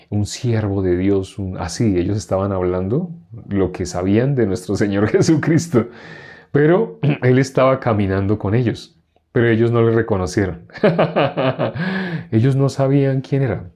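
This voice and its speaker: A man's voice: lowish voice, mellow. A man teaching an interactive Bible class. He repeats verses and keeps asking the group questions. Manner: repeats verses slowly, chuckling now and then.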